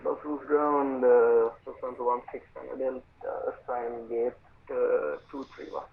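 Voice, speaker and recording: A man's voice: mid-range voice, little pitch movement, unhurried, creaky. A man acting as a pilot on the radio frequency, making brief, clipped calls with a few fillers, heard as a muffled, distant radio transmission. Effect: heard over a pilot's radio channel.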